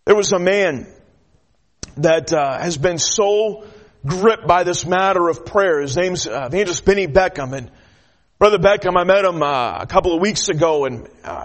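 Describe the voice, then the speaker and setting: A man with a high-pitched voice delivers a sermon. He talks earnestly, restarts phrases often, and rises into emphatic declarations about prayer and battle. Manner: shy by nature. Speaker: traveling preacher.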